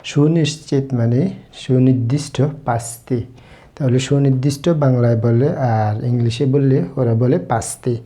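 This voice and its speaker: Very dark-voiced man teaching phrases. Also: medium pitch. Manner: explains phrases slowly, repeating each one. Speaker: language teacher. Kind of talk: casual spoken lesson.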